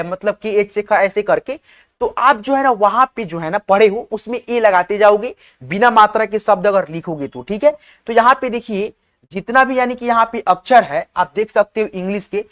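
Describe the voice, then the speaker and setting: A male teacher explaining spelling step by step to his viewers, often repeating himself and checking that they follow. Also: sits high. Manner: repetitive, addresses viewers as friends, checks in often. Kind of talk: online class explanation.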